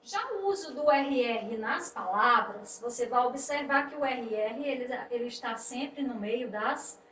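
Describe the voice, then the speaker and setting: A woman teacher explaining spelling rules slowly and patiently, restating each point. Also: a little high, lively intonation, a bit bright. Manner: slow, explanatory, repeats points with "isto é". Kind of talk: spelling lesson. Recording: echoey room, voice a bit distant, faint noise.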